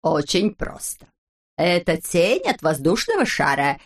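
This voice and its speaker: A woman voicing a wise, calm little man from a storybook who patiently explains things to the others. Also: low-pitched, full character voice. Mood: explaining. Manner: slow, explaining, measured.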